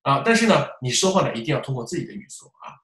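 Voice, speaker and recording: A man teaching test preparation in a lecture style, animated, asking rhetorical questions and demonstrating examples aloud. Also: medium pitch, rapid-fire. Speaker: English test prep teacher. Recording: roomy echo.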